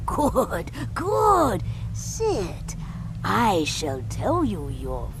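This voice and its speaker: A mysterious old fortune teller from a video game. She speaks extremely slowly and cryptically, her pitch swooping widely, over clearly noisy ambience. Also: huge pitch swings, exaggerated voice. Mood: mysterious, portentous. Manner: fortune teller, slow portentous pauses.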